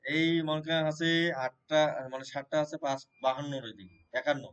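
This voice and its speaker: A man with a fairly high-pitched voice leads a devotional scripture class. He explains step by step, repeats himself and keeps asking the listeners whether they follow. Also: fairly even intonation, brisk, fairly bright tone, smooth, rough recording. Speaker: Gita teacher. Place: Shiva temple gathering.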